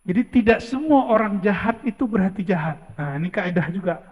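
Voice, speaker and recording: A man delivers a sermon, his voice pitched high for a man. He tells his story with emphasis and drops in casual asides. The sound is muffled and echoes through a large hall. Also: lively intonation, brisk, husky. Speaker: preacher.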